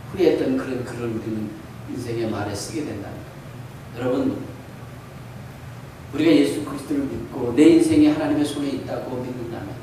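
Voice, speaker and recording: A man's voice: medium pitch, dark tone. Man preaching in an echoey hall. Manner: earnest exhortation, reading a quoted letter aloud. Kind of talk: graduation sermon. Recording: echoey hall, mic far off, faint noise.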